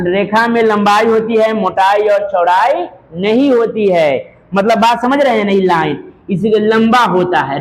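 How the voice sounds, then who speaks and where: A man's voice: sits high, a little hiss or hum, rough recording. A man teaching a math class in with a flavour, dictating notes phrase by phrase, repeating each line and answering his own questions. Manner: repeats each phrase slowly for students to copy; asks questions and answers them himself.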